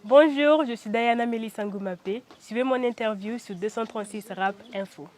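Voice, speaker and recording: A young woman from the Central African Republic, a beauty pageant titleholder, chats casually in an interview, often hesitating with "euh" and laughing now and then. Her voice is on the high side and her speed normal.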